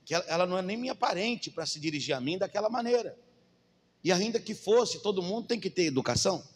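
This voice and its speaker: A man preaching a sermon in a high, ringing voice. He presses his points with rhetorical questions to the congregation, and his words trail off into the long reverb of a large church hall. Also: lively intonation, quick pace. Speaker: pastor.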